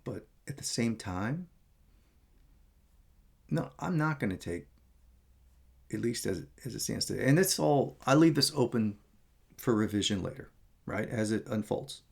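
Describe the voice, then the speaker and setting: A man's voice: mid-range voice, lively intonation, a little slow, gravelly, long pauses, slightly rough. A man talking in a casual, rambling vlog monologue, candid and meandering as he tells stories. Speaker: vlogger.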